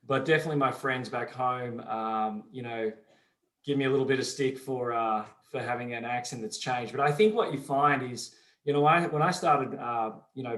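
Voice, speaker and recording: A middle-aged company CEO with a softened Australian accent and a medium-pitched voice answers interview questions as a guest. He explains things in a measured way, using frequent fillers, and the room has a roomy echo.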